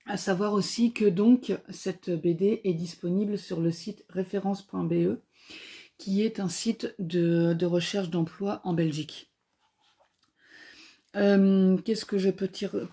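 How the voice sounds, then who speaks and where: Slow, mellow-voiced woman reviewing a comic. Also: lowish voice. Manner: hesitant, searching for words. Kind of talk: casual spoken book review.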